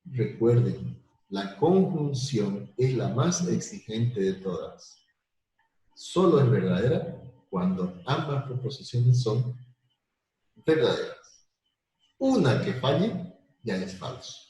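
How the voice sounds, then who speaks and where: A man teaching a live online math lesson, explaining slowly with repetitions and everyday examples. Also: mid-range voice, very animated, dark tone. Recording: very echoey room.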